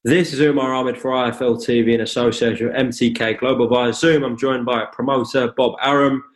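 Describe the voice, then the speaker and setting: A man of medium pitch puts conversational questions as a sports interviewer. The video-call sound is noticeably roomy. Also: steady tone, a little fast, faint music behind. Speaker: boxing interviewer, host.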